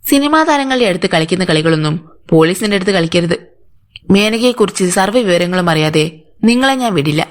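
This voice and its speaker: A woman's voice: lowish voice, expressive, fairly quick, natural voice. A woman voicing a male police inspector who questions firmly and sternly. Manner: firm, interrogating. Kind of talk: audiobook character voice.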